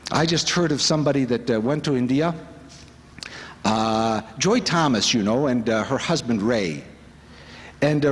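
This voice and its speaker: Earnest man speaking in a reverberant hall. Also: medium pitch. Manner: earnest, reflective storytelling. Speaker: speaker at a spiritual retreat. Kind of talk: devotional talk. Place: conference hall.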